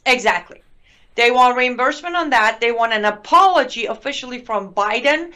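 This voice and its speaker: A woman whose first language is not English talks as an interview guest, her voice sitting a little high. She drives her points home with emphatic indignation and drops in sarcastic asides. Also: expressive, moderate pace, pushed and bright. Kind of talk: political commentary interview.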